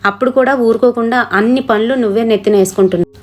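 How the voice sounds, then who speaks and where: A woman's voice: fairly high pitch, quick pace, close to an everyday voice. A woman voicing a protective young husband who lectures and brushes off his wife's fears. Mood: scolding. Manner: dismissive, lecturing.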